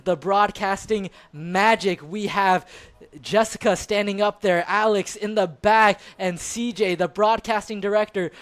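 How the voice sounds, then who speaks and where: A young man doing color commentary on a college esports final. His voice is hoarse from shouting, and his hype bursts give way to halting thank-yous. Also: high-pitched.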